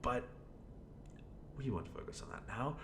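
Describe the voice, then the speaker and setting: A man voicing an unhinged, menacing clown supervillain in a rambling, theatrical audio roleplay, with a gravelly voice and smug manner. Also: animated, a little slow, natural voice. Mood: scornful. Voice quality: gravelly, creaky. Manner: rambling, theatrical, swinging from mutters to outbursts. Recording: roomy echo, faint rumbling noise.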